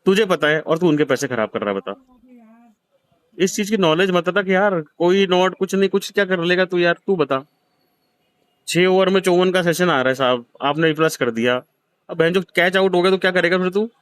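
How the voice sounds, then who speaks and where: A man's voice: high-pitched, moderate pace, fairly bright tone, clear, resonant tone, no room sound. A man in his thirties, hosting, gives a blunt, profane scolding to a gambler in a harsh heart-to-heart lecture. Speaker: host counseling a gambler.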